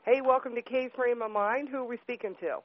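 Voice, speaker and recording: A man hosting a casual internet radio show, playful and quick to laugh. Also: very high voice, steady tone. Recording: tinny phone-like internet radio audio with faint noise.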